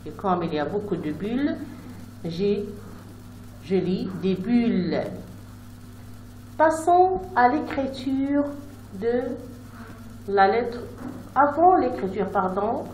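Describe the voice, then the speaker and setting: Woman, reading teacher, very slow and deliberate sounding out, roomy echo, faint background noise. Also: medium pitch, big pitch swings, mellow. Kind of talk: slow reading lesson for young children.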